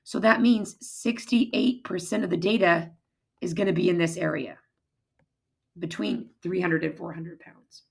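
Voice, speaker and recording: A woman with a hoarse, raspy voice that is giving out, explaining step by step as a math teacher in an informal recorded lecture. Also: on the low side, steady tone, a little slow. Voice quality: husky, raspy, strained voice. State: hoarse, losing her voice, throat-clearing.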